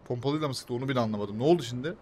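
A young man doing casual let's-play commentary, excitable and quick to grumble and swear at the game. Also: medium pitch, slight background noise. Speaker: gameplay commentator.

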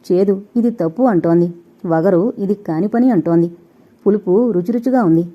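A woman narrating a novel in a slow, measured, expressive reading. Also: mid-range voice. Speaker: audiobook narrator. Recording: dull lo-fi recording.

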